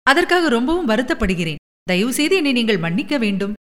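Casting note: a sweet, gushing young starlet-to-be, voiced by the woman narrator, higher in pitch, in an echoing room. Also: sing-song, brisk. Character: young woman hoping to become a film actress.

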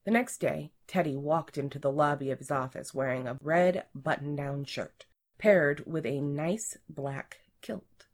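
A woman narrating a story in an even, measured storytelling manner. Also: low-pitched.

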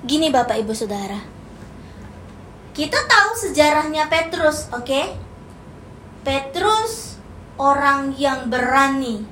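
A woman's voice: sits high, big pitch swings, slow, pauses often, a bit bright, roomy sound, a little hiss or hum. A woman preacher, giving a playful sermon and acting out the lines she quotes. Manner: playful, acts out quoted lines, teases the congregation. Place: church hall.

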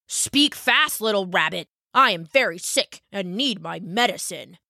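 A grand, greedy male Dragon King of the sea from a storybook, voiced by a woman. He speaks in a commanding, impatient way, slowly and with a bright edge. The recording is dry and close. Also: mid-range voice, expressive, gravelly, no room sound, full character voice.

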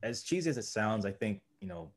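A young man with a somewhat low voice tells a story as an interview guest. He rambles casually and leans on "like" and "you know" between phrases. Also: sing-song, a little fast.

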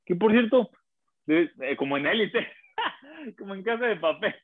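A man's voice: sits high, sing-song, normal speed, no echo. A man, co-hosting a casual chat and joking around with silly impressions. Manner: jokey, laughing, does silly impressions. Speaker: podcast co-host. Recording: tinny phone-like line.

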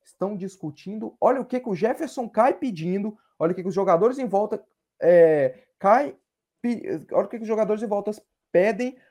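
A man's voice: sits high, expressive, a little fast, darkish tone. A man, arguing heatedly in a sports podcast debate and repeating himself insistently. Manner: exasperated, repeats phrases insistently. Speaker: podcast panelist.

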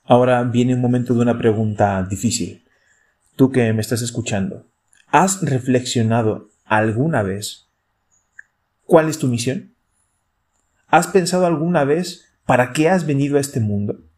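This priest from Chile, in his thirties, hosts a podcast with relaxed pastoral talk, musing reflectively and asking listeners questions directly. His mid-range voice is slightly slow and a bit mellow, carrying a Chilean Spanish accent.

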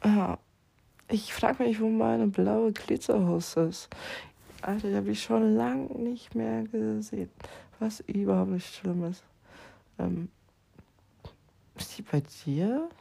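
A woman vlogger rambling in a drifting, dreamy way, thinking aloud and now and then dropping to a soft whisper. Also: mid-range voice, takes it slowly, creaky, pauses often, husky. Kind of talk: rambling casual monologue.

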